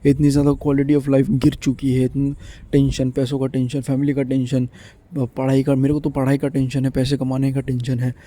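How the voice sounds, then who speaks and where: Earnest young man, dark mellow voice. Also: mid-range voice, monotone, normal speed. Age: 20s. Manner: earnest, repetitive, mixes Hindi with English. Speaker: vlogger. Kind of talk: casual motivational monologue.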